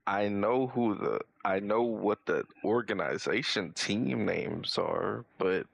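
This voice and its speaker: A young man rambles hesitantly on a gaming podcast. His voice is very deep and gravelly. The sound is dry. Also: slow, no room sound, dull audio. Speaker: podcast co-host. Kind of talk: casual gaming podcast chat.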